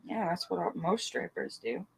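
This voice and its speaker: A woman chats informally with a group online. Her voice has plenty of creak and fry, with an offhand conversational delivery. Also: lowish voice, lively intonation, normal speed. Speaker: participant in a live group chat. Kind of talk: casual chat.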